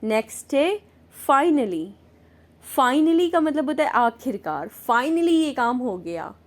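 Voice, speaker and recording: A woman teaching English vocabulary in Hindi with an Indian accent, patiently repeating each word and its meaning. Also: a little high. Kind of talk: slow vocabulary lesson with repetition.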